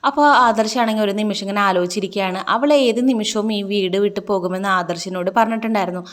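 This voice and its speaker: Woman recap narrator: rapid-fire, mid-range voice, casually retells a serial episode with quoted dialogue. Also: medium pitch. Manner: rapid storytelling that quotes characters' lines.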